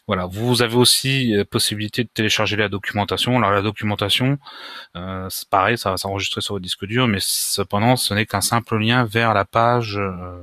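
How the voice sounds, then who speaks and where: Recorded close on a desk mic with no room echo, this man makes WordPress tutorials and narrates his screen recordings hesitantly, stopping to search for words and restarting with lots of fillers. He sounds low yet bright and forward, keeping his explanations casual.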